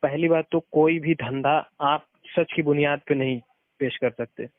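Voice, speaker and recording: This fairly high-pitched man speaks at normal speed with fairly even intonation, offering advice over a casual phone call drawn from his years as a network marketer. He explains and repeats points for emphasis, and the narrowband recording is muffled but has no echo.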